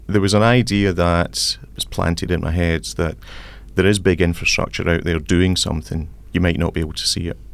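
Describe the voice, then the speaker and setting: Casting: Scottish man, 40s, deep voice with a gravelly edge, thoughtful interview guest. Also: fairly even intonation, normal speed, few pauses. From Scotland. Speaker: civil engineer guest. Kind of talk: podcast interview.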